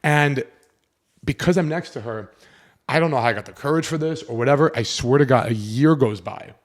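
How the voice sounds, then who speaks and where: Storytelling man, swearing and lively. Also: mid-range voice, fairly quick. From South Florida. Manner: animated, swears freely, acts out his younger self. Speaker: podcast host. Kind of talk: casual storytelling chat.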